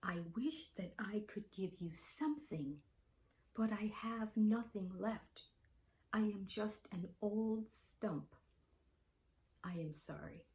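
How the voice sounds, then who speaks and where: A woman voicing a gentle, loving old female tree in a storybook, speaking softly and slowly with sighs and whispers. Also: on the high side, lively intonation. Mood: sorrowful. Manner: soft, slow, sighing, whispery.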